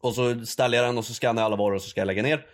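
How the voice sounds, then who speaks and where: Young guy on a chat podcast, swears a lot, tells his story in an average-pitched voice, acts out the people in it. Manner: animated storytelling, swearing, acting out a shouting clerk. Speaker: podcast co-host.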